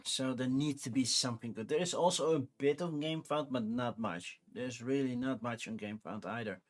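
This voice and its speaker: A Dutch streamer in his forties, from the Netherlands, rambles casually on a livestream in a Dutch accent, restarting frequently. His voice is mid-range and a little fast.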